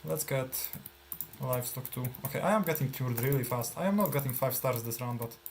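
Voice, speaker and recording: Commenting casually on his own gameplay, a streamer with a Polish accent, Polish by native language, thinks out loud and leans on fillers and trailing phrases. His voice sits in the mid range and runs a little fast. Slight background noise is audible.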